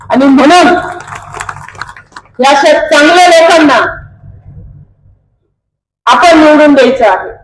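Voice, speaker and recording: Woman politician, rally speech; emphatic and repetitive, with rhetorical pauses; high voice; roomy, echoing sound.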